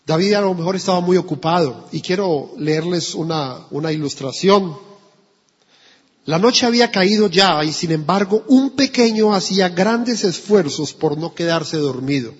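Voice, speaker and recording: A man's voice: high voice, lively intonation, normal speed, husky. A man preaching an emphatic sermon in church, telling a story along the way. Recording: dull echoey church recording.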